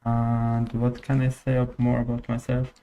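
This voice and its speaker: A man's voice: medium pitch, completely flat delivery, moderate pace, mellow. A young man from Syria, a guest in an interview, speaking hesitantly with many fillers and restarts. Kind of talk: casual interview.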